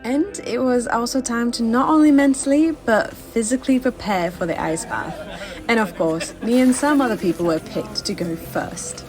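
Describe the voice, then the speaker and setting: A woman reading a reflective, measured voice-over for her vlog. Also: on the high side, a little mellow, soft background music. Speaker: vlogger. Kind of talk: scripted voice-over narration.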